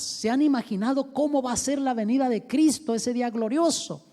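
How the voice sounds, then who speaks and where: A male pastor teaching a seminar, full of questions for his listeners and lively in delivery. His voice is mellow and dark, and a long hall reverb trails every phrase. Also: high voice. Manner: animated, acts out quoted voices, asks the audience questions.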